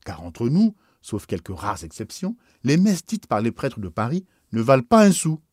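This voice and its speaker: A man narrating a first-person story aloud in a calm, measured, earnest way. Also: medium pitch, no echo, clean studio sound. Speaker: audiobook narrator.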